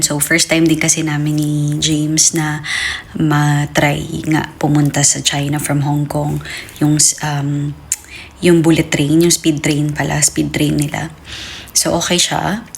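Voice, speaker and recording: A woman's voice: completely flat delivery, takes it slowly, vocal fry, pauses often, a little hiss or hum. A woman vlogger and new mother chatting casually about her days, with many fillers and self-corrections. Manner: high, playful baby talk to her daughter. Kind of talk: casual vlog chat. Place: home in Hong Kong.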